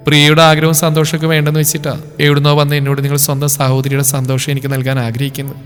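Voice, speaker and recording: A gentle young woman coaxes and reasons in a lifted, softened voice , as a male narrator puts her on. The delivery is fast, with a roomy echo behind it. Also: on the high side, completely flat delivery, soft background music, natural voice. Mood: reasoning. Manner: soothing, reasoning.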